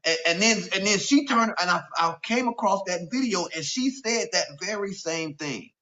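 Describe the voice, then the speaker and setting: A middle-aged man hosting a live stream, questioning a guest in a halting, accusing way full of restarts. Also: high voice, expressive, sharp tone. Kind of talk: confrontational questioning. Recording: muffled lo-fi audio.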